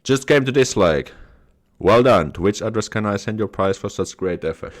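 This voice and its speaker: Hosting a live stream on YouTube, a young man from Finland chats with a Finnish accent, reads out comments, laughs things off, and frequently restarts words. He speaks at a moderate pace in a fairly low, expressive voice.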